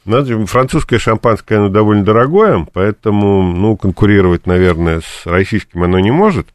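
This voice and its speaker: A man, an expert guest on a radio talk show, explaining at length in a measured way with many fillers. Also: on the low side, dry recording, studio quality. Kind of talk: radio discussion. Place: radio studio.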